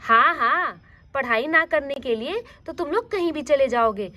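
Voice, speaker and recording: A woman's voice: high-pitched, lively intonation, moderate pace, bright, forceful tone. A woman voicing a middle-aged father who scolds his daughters in a stern, threatening way for a doll storybook. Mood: scolding.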